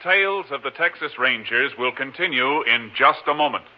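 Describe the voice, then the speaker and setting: A man's voice: medium pitch, animated, normal speed, heavy background noise. A man announcing a 1950s radio show with a dramatic scripted delivery. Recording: muffled old radio recording.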